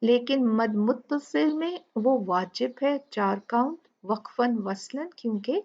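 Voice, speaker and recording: Slow gravelly woman teaching tajweed. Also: fairly high pitch, dull audio. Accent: Urdu. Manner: explains rules step by step, then recites words slowly. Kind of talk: Quran recitation lesson.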